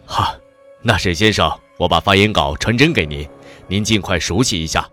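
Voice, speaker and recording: A deep male voice for a department head in an audio drama, played by an actor. He is formal and composed, speaking in measured, courteous phrases to coax and reassure. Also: pushed and bright, soft background music. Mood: businesslike.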